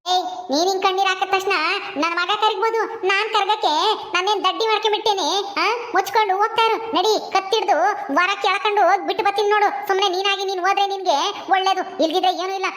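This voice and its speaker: A woman's voice: very high-pitched, steady tone, racing, fairly bright tone. A woman voicing a harsh, scornful middle-aged mother-in-law in a village family drama, bossy and sneering. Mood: threatening. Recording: echoey room.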